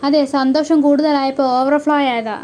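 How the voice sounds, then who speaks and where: A woman's voice: sits high, steady tone, moderate pace, darkish tone, close to an everyday voice. A woman doing an earnest young man in love.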